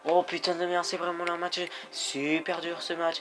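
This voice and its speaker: A man playing a cycling game, commentating excitedly, swearing and cheering his riders on. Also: on the high side, moderate pace. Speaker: gamer. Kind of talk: let's-play commentary. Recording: background noise.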